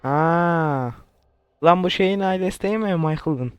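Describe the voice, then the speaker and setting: Guy doing let's play commentary, swears nonstop, jokey and confused, kinda high smooth voice. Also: unhurried, dry recording. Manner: crude, swearing, baffled joking. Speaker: gamer.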